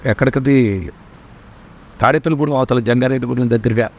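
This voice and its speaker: Fast-talking man giving an emotional testimony. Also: mid-range voice. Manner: fervent storytelling, acts out his prayers and God's replies. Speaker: songwriter guest.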